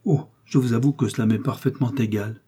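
A man's voice: mid-range voice, steady tone, a little fast, mellow, husky, lightly acted. A man voicing a sneering, mocking aristocratic baron. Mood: sneering mockery. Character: sneering aristocratic English baron, middle-aged.

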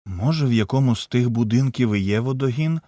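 A man's voice: mid-range voice, brisk, warm tone, dry recording, close to an everyday voice. A man voicing a brave young man caught in a fleeing crowd, speaking urgently. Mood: puzzled, low.

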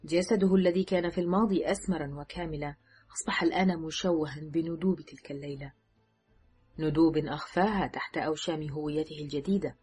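A woman reads a thriller aloud in a measured, dramatic way. Her voice is low and very husky. Faint music plays underneath. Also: darkish tone. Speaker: audiobook narrator. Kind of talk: scripted narration.

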